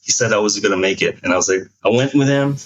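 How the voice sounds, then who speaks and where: A man's voice: on the low side, fast, a little hiss or hum, rough recording. A man in his thirties, a military veteran guest, telling his life story in a loose, casual way with some slang. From United States (San Francisco). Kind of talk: casual chat.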